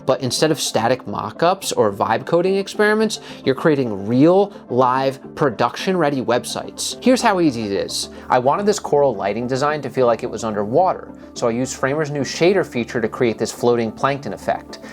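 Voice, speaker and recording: Animated man narrating a design explainer. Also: medium pitch, normal speed, hardly any pauses, faint music behind. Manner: explanatory, punchy delivery. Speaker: design video host. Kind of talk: scripted narration.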